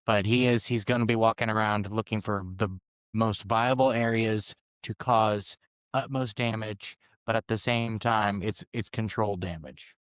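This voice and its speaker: Guy player rambling about his plan, smooth voice, kinda muffled mic. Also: fairly low pitch, fairly even intonation, moderate pace, no echo. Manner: casual, rambling, full of "like". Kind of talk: tabletop game play. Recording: slightly dull lo-fi mic.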